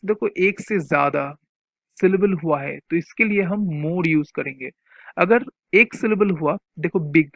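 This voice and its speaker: A man teaching English grammar, explaining points slowly and repeating them, reading example sentences out word by word. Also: on the high side, creaky, fairly bright tone, no room sound. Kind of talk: explaining grammar from a chart, mixing Hindi and English.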